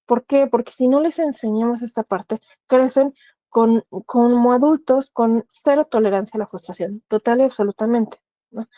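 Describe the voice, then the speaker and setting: A woman explains things earnestly, her voice pitched a little high with a soft, mellow tone. She speaks in a dry, close-miked sound that is a bit dull and lo-fi. She often poses questions and then answers them herself. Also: moderate pace, dry recording. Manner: earnest, advising directly, frequent rhetorical questions. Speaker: thanatologist. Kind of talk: explanatory talk.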